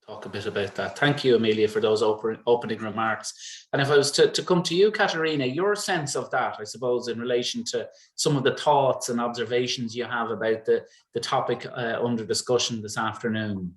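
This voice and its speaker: Male webinar moderator, gentle measured questions, roomy echo. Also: mid-range voice, steady tone. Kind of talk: moderating a panel.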